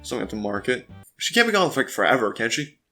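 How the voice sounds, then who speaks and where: A man's voice: mid-range voice, very animated, fast talker, pushed and bright, soft background music. Casual man reading a game aloud. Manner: casual, chatty asides between narrated lines. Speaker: let's play host. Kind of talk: game commentary and reading visual novel text aloud.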